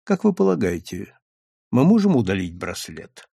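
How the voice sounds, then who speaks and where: A man reading as a calm, precise doctor. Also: on the low side, gravelly, breathy edge, no echo, studio quality, pitched below the performer's own voice, heavily acted. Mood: explaining. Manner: measured explanatory reading.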